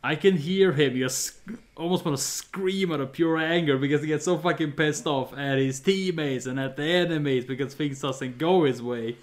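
A man's voice: on the high side, moderate pace, few pauses. A man in casual podcast chat, easygoing and agreeable, swearing casually as he tells a story. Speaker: podcast co-host.

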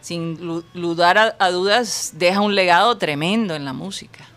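Expressive Colombian woman hosting a talk show. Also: fairly low pitch, normal speed, soft background music. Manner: expressive, exclamatory, dramatic sighs. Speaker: show host.

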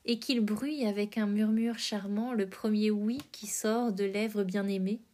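Slow, measured woman reading poetry. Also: medium pitch, fairly even intonation, dark tone. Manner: slow, measured recitation with careful phrasing. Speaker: podcast host.

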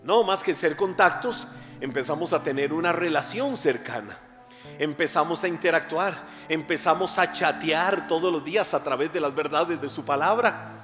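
A man's voice: on the high side, moderate pace, a bit bright, big-room sound, soft background music. A Costa Rican man preaching a sermon as pastor, emphatic and rising on his questions. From Costa Rica.

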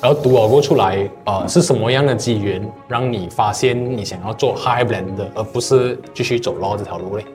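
A man's voice: fairly low pitch, fairly quick, few pauses. A man hosting an interview, prompting his guest and often repeating words. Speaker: interviewer, host. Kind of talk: interview questioning. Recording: music bed underneath.

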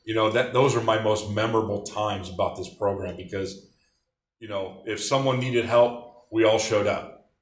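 A man's voice: lowish voice, fairly even intonation, moderate pace, far from the mic. A middle-aged man reminiscing casually about college days, telling long rambling stories with many restarts. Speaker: interviewee, former athletic trainer. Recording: roomy echo.

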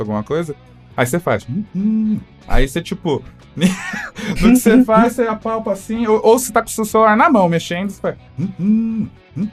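A Brazilian man telling a story in a casual chat among friends, acting out the voices and laughing often. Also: on the high side. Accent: Brazilian Portuguese. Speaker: podcast guest telling a story.

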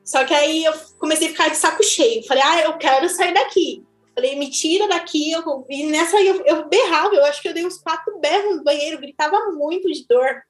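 A woman with a Brazilian Portuguese accent, chatting casually as she tells her own birth story, animated and quick to laugh. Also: high voice. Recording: echoey room with faint music.

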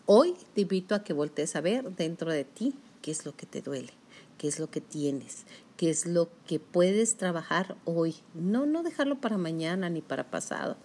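A woman's voice: lowish voice, darkish tone. Woman giving a direct pep talk. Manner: direct, coaching, addresses the listener as tú. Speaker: motivational speaker. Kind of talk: motivational self-help talk.

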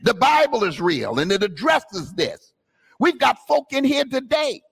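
A woman preacher delivers a sermon in a slow, deliberate cadence, her voice gravelly at the edges. She swings widely up and down in pitch, calling out to the congregation and breaking into shouts. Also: very animated. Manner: calls out to the congregation, bursts into shouts.

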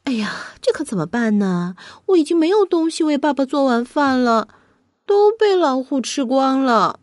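A woman voicing a hospitable, wondering mother in a children's story, with an expressive, exclamatory delivery. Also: high-pitched, moderate pace, no echo, studio quality. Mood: fretful. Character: young girl's mother, hospitable, wondering housewife.

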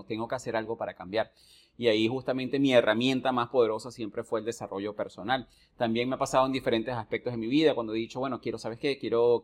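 A man from Venezuela hosting a podcast interview, speaking in a reflective, earnest way with long, building sentences. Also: medium pitch. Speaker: podcast host. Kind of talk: conversational interview.

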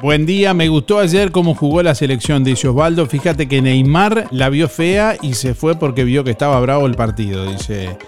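A man hosting a radio show, reading listener messages in a relaxed, conversational way. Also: fairly high pitch, normal speed, few pauses, over music. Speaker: radio host.

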